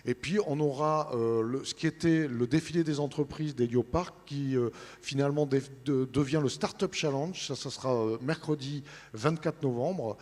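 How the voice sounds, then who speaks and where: A man's voice: mid-range voice, moderate pace, darkish tone. Hesitant man presenting in a reverberant hall. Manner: hesitant, searching for words. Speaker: interview guest representing a newspaper. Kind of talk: informal spoken event presentation. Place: large studio set in a big hall. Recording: large hall with long reverb.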